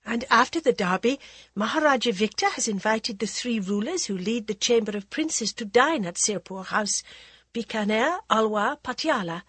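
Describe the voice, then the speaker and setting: A woman reading aloud gives voice to an earnest young princess, polite and composed. Her tone sits slightly raised with a husky grain, recorded close and dry. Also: on the high side, expressive, moderate pace, a bit bright, dry recording.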